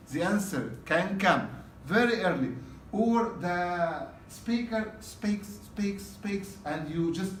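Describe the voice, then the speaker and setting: Teacher lecturing in an echoey classroom. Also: male voice, on the high side, a little hiss or hum. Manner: repetitive, checks in with "okay?". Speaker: exam prep teacher. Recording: roomy classroom from a distance.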